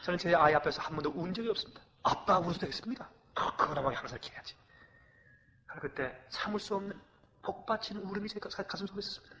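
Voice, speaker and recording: A middle-aged man preaching as a pastor, animated, swinging from loud exclamations to hushed confession. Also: high-pitched, fast talker, a crowd in the background. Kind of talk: emotional sermon with acted anecdotes. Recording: long hall reverb.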